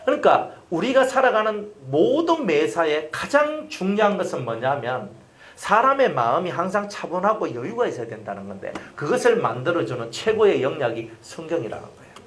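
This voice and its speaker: A middle-aged man preaching a sermon as a pastor, animated and repetitive, often asking the congregation questions. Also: on the high side, moderate pace, reverberant, slight background noise. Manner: animated, repeats phrases and asks the congregation questions.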